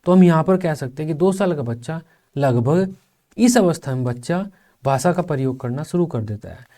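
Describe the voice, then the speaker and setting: Young male teacher-trainer, slightly high-pitched, patient step-by-step lecture with drawn-out syllables. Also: expressive, warm tone. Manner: explains step by step, repeating and sounding out syllables slowly. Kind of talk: online exam-prep lecture.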